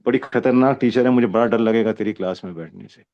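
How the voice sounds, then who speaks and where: An older man, a senior teacher, giving fatherly, patient feedback to a younger colleague, checking often that she follows. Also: lowish voice. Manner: fatherly, calls the presenter "beta", explains slowly with rhetorical checks. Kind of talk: mixed Hindi-English teaching talk. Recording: muffled video-call audio.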